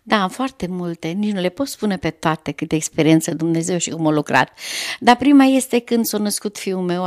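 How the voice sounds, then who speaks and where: A woman in her sixties earnestly recounting her personal faith testimony in an interview, her voice rising at emotional moments. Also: mid-range voice. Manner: earnest, devout storyteller with rising emotional peaks.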